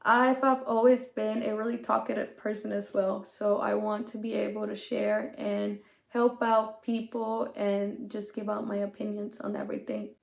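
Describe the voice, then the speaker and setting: A woman's voice: mid-range voice, little pitch movement, normal speed, vocal fry. A woman, hosting a podcast in casual chat that switches between English and Spanish. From Mexico. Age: 20s. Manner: chatty, code-switching, with small laughs. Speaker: podcast host. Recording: echoey room, dull lo-fi sound.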